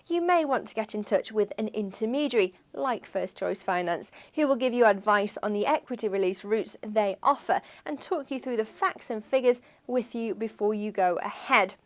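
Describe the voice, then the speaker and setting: A woman reading a scripted news-style voice-over for a finance firm in an even, measured way. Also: on the high side. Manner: even, measured read of figures.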